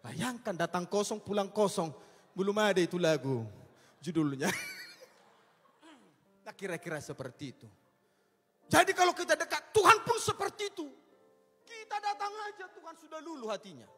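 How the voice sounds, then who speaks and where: Man, preacher, humorous sermon, high lively voice, slightly husky, long hall echo. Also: moderate pace, long pauses. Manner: animated, swings between quiet asides and loud emphatic bursts; humorous, acts out little scenes. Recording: music behind, long hall reverb.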